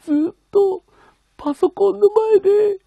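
A man doing a sobbing, high-voiced young woman. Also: vocal fry, no echo, phone-quality sound, full character voice. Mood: tearful. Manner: high, tearful, halting delivery. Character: weepy young woman sobbing softly, sweet and tender.

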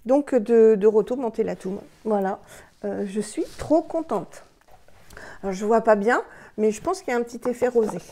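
A woman's voice: a little high, moderate pace, warm tone. A woman beauty vlogger casually unboxing and trying products, chatty and enthusiastic, who talks to herself by name. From France.

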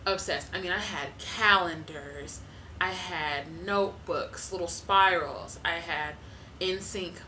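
A woman's voice: fairly low pitch, slow pace, sharp tone, slight background noise, poor audio. A woman in her twenties chatting casually to camera from her living room, talking loosely with lots of fillers and laughs. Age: 20s. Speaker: vlogger.

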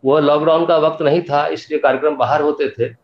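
An older male poet explains his views thoughtfully, pausing as he works through his ideas. His voice is slightly high. It comes through a roomy echo, and the sound is dull and lo-fi. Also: fairly even intonation. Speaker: guest poet. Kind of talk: conversational interview answer. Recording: echoey, dull-sounding remote audio.

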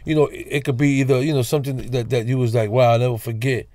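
A man's voice: medium pitch, fairly even intonation, quick pace, dark tone, dry recording. A man hosting an interview, asking loose rambling questions and giving short replies. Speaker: podcast host.

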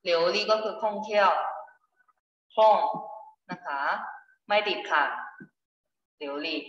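A woman's voice: mid-range voice, unhurried. A woman teaching a classroom vocabulary lesson, explaining patiently and repeating examples, recorded from a distance in a school classroom. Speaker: Chinese language teacher. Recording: echoey classroom, far off, dull.

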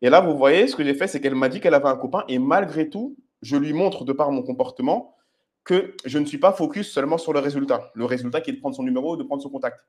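Man, dating coach, fast-paced, direct, instructive. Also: a little high. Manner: direct, instructive, sprinkles "ok?" checks. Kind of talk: commenting on his own street footage.

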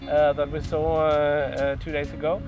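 A man, a birdwatching journalist, answering interview questions in a hesitant, halting way. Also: a little high, level tone, music in the background.

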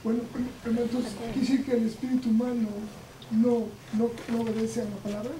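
A woman with a fairly high voice, sitting in the audience, asks quick and pointed questions. She talks fast. She is heard from a distance in an echoey room with noticeable background noise. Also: flat delivery. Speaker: audience member asking questions.

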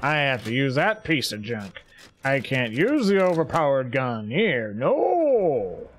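A man's voice: medium pitch, expressive, a little slow, slight background noise. A man hosting a gaming channel, giving joking let's-play commentary and talking back to the game. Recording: voice over loud game sound and gunfire. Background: game gunfire and ambience.

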